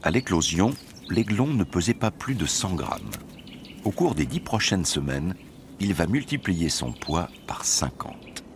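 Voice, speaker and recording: A man narrating a nature documentary from a script, in a measured storytelling delivery. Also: low-pitched, sing-song, slight background noise.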